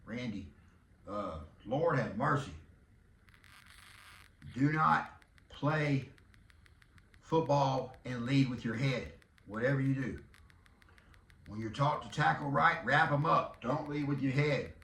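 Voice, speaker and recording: A man's voice: mid-range voice, takes it slowly, creaky, pauses often, fairly bright tone, far from the mic. A Texan man in his fifties hosting a podcast, rambling and joking in casual talk, breaking into hollers now and then. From Texas. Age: 50s. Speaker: podcast host. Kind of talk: casual monologue. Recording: echoey room, off-mic.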